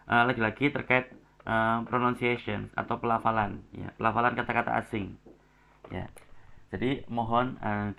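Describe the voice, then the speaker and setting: In this online class recording, a man with a lowish, gravelly and slightly bright voice comments on students' presentations. He uses lots of filler sounds and tends to close phrases with a tag word.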